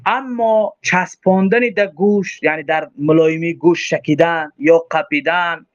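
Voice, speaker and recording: A man with a Tajik accent explains a religious text, passage by passage, in a fairly high voice. He poses his own questions and answers them. The recording is dull and lo-fi. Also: fairly even intonation. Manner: quotes Arabic then explains, asks himself questions. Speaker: religious teacher.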